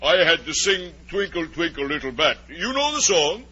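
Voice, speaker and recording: An actor playing a mad, touchy, fussy Hatter in a theatrical, blustering 1940s radio drama style. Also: male voice, fairly high pitch, sing-song, normal speed, bright, forceful tone, slight background noise. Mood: aggrieved. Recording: muffled old 1940s radio recording.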